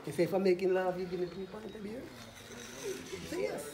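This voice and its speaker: Animated Jamaican man telling a joke. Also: high-pitched, a little fast, roomy sound, a crowd in the background. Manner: animated storytelling, acts out dialogue.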